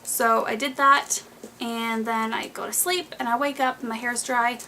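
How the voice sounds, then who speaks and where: A young woman with a somewhat high voice talks casually to camera in a home beauty vlog. She rambles, restarts and drops plenty of fillers, sounding a little out of breath. A faint hiss sits under the recording. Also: steady tone, moderate pace, bright, forceful tone, low-quality recording. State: slightly out of breath. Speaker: beauty vlogger. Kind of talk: casual monthly favorites vlog.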